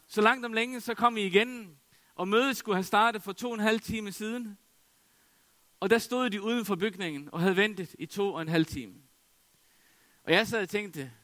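A middle-aged man gives a sermon testimony in a fairly high voice. He tells his story loosely, with plenty of fillers and restarts. The recording is dry and close, with no room sound. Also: bright, forceful tone, no room sound. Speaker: preacher.

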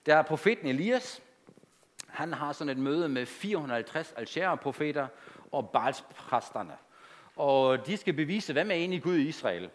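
A man delivering a sermon in a fairly high voice that swings widely up and down. He preaches with emphasis, pushing his points home, then drops into casual asides to the congregation. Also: expressive.

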